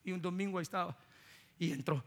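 A middle-aged man from Guatemala with a Guatemalan Spanish accent, preaching a sermon as pastor, telling stories that swing from loud preaching to soft, low asides. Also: fast.

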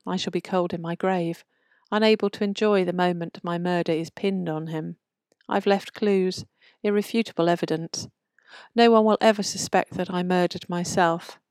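A woman with a fairly low voice reads short stories and author bios aloud in a measured, deliberate manner. The sound is dry and close to the mic. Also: steady tone, a little mellow, no echo. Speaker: podcast host reading short stories.

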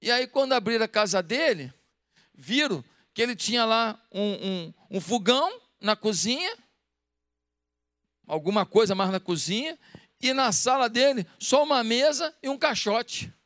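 A man's voice: very high voice, animated, measured pace, a bit bright, dry recording, clean studio sound. A man with a Brazilian Portuguese accent preaching a sermon, emphatic and firing off rhetorical questions at the congregation. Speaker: pastor.

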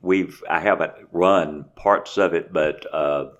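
A race director talks plainly about his event in a calm, matter-of-fact way. His voice is very deep and low in his chest. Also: slow, lo-fi sound. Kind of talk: casual interview.

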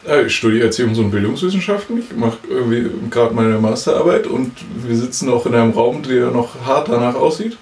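A man's voice: medium pitch, animated, brisk, few pauses, darkish tone. Joking man in his late twenties, far off in echoey room. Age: 20s. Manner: joking, teasing, loose. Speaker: podcast co-host, master's student. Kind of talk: casual chat. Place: study room, indoors.

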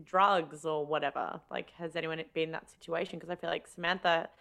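A woman's voice: low-pitched, steady tone, brisk, gravelly, a bit bright. A woman with an Australian accent, co-hosting a casual podcast chat and asking playful, teasing questions. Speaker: podcast co-host.

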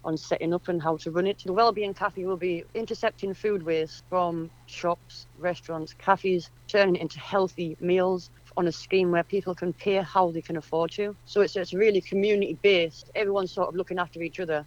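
A woman's voice: lowish voice, steady tone, brisk, few pauses, highs cut off. A woman from northeast England with a Durham accent, explaining things earnestly as a guest in a conversational radio interview. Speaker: community project representative, radio guest.

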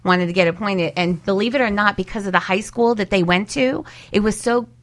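Speaking a little fast at a medium pitch, this woman offers casual advice as a panel's expert guest. Chatty by nature, she likes to make her points through small acted-out quotes.

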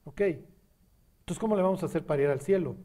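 A man's voice: a little high, fairly quick, mellow. A man with a Mexican accent preaching a sermon, talking conversationally and often checking whether the audience follows. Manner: conversational, asks the audience questions.

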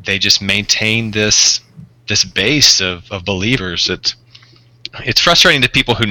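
A man speaking as the pediatrician guest on a podcast interview, talkative with dry humor and halting restarts. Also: on the low side, sharp tone, no room sound, rough recording.

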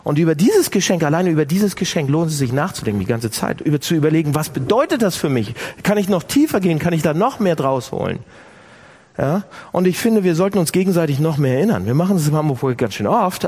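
Animated, husky preacher man. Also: fairly high pitch, fast. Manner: animated, addresses listeners directly. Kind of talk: sermon.

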